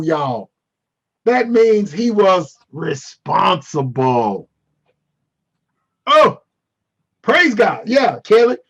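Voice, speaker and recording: A man's voice: high-pitched, a little mellow. A man teaching a casual online Bible class over a video call, playful and teasing as he answers the chat.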